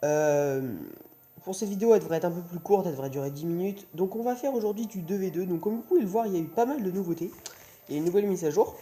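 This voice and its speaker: A man's voice: high voice, animated, fast, warm tone. A young man hosting a gaming video in casual, hesitant, rambling commentary, his mouth sore after wisdom teeth surgery. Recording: music playing behind the voice. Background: music.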